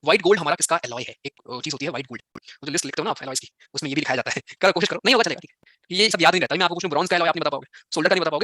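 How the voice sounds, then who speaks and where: Fast-talking bright-voiced male teacher. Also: a little high, no room sound, studio quality. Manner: teasing, scolds students by turns. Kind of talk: live online exam-prep class.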